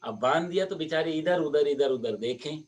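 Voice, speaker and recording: A male preacher narrating a devotional story sermon in a lively storytelling manner. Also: a little high, moderate pace, distant mic.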